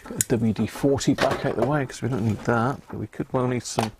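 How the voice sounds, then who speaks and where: A man hosts a casual live repair stream, chatting and thinking aloud as he works indoors at an electronics bench. His voice is medium-pitched and a little fast, with background noise behind it.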